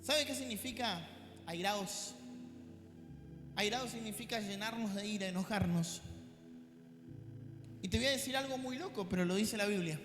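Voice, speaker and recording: A male pastor with a Rioplatense accent preaching a sermon, animated and dropping joking asides to the congregation. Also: high-pitched, moderate pace, pauses often. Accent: Rioplatense Spanish. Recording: echoey church hall with faint music.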